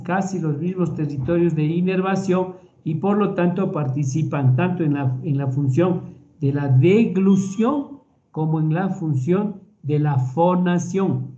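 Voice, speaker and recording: A man's voice: a little high, warm tone, muffled recording. Ecuadorian man giving a medical lecture. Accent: Ecuadorian Spanish. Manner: measured, explanatory, repeats words while thinking. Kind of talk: recorded university lecture.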